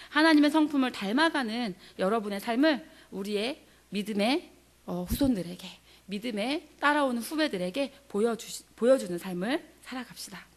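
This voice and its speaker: A woman in her thirties, a missionary preaching a sermon at a prayer meeting in an earnest, conversational way with frequent pauses and fillers. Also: on the high side.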